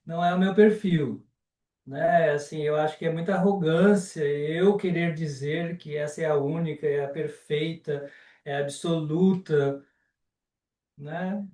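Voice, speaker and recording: A man with a Brazilian Portuguese accent teaching a live online class, unhurried and often ending sentences with a checking question. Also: a little high, fairly even intonation, warm tone, far from the mic. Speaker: Sanskrit teacher. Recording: roomy and off-mic.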